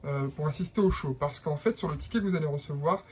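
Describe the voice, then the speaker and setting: A man's voice: a little high, fast talker, husky. A man from France with a French accent, explaining a how-to in a hesitant vlog style with many fillers. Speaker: vlogger.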